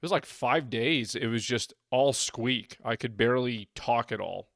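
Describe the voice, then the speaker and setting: A man's voice: medium pitch, unhurried, vocal fry, a bit bright, dry recording, clean studio sound. A young married man co-hosting a fitness podcast, chatting in an easygoing, self-deprecating way and laughing often. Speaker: podcast co-host. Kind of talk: casual podcast banter.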